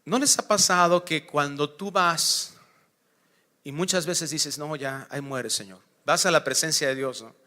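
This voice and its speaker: Animated, bright-voiced pastor preaching. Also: male voice, a little high. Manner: animated preaching, acts out dialogue, swings from hushed to shouting. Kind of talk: sermon.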